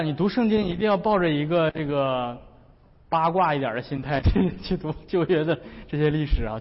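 A male pastor with a slightly high voice, delivering a sermon in a loose, joking, conversational manner. The sound is dull, with a long hall reverb behind the voice. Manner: chatty, humorous, often laughing.

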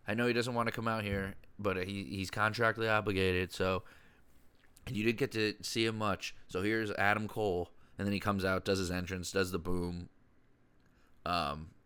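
A man's voice: low-pitched, fairly bright tone. A young man giving a casual, rambling review of a wrestling show, often correcting himself mid-sentence. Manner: rambling, self-correcting, chatty.

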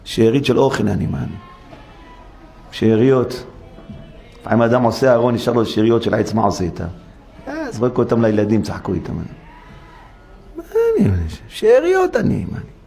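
A man's voice: mid-range voice, big pitch swings, vocal fry, long pauses, a little mellow, faint music behind. A man giving a sermon as a rabbi in a synagogue, preaching with animation and acting out rhetorical questions and quoted voices.

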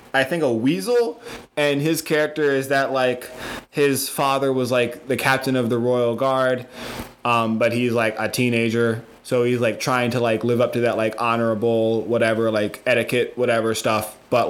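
Man, casual chat, rambling, filler-heavy, excitable, middle pitch.

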